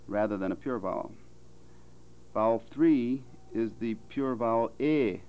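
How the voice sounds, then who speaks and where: An American man giving a careful, measured demonstration of vowel sounds as a phonetics instructor. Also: on the low side, darkish tone, poor audio. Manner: slow, careful, measured delivery with deliberate example words. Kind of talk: recorded vowel demonstration lecture.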